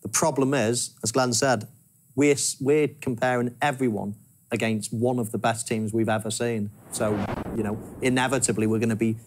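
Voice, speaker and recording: A man in his forties giving measured football analysis in a TV studio on a lapel mic. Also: mid-range voice, fairly even intonation, a little hiss or hum. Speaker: football pundit. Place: large TV studio.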